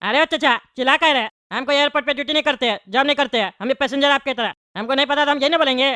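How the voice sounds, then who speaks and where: A woman voicing a boastful, sharp-tongued bald male politician in a cartoon comedy. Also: sits high, racing, no room sound, studio quality. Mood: dismissive. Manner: mocking, dismissive retorts.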